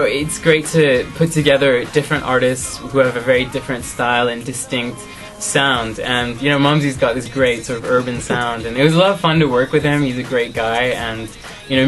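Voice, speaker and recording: A young man from Canada, a singer, answering interview questions in a relaxed, thoughtful way with many fillers. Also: medium pitch. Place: music studio, indoors.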